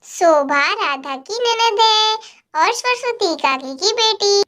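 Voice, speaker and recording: A woman narrating a village doll story in a slow, explaining storyteller manner. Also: extremely high pitch, expressive, a bit bright.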